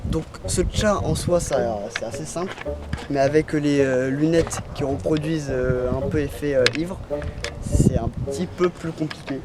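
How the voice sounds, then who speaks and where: A man's voice: on the high side, normal speed, heavy background noise. A man casually presenting a parkour vlog outdoors, thinking aloud in fragments. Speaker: parkour video creator and presenter. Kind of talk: casual vlog commentary while doing stunts. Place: outdoors in sunshine. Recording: loud music over the voice.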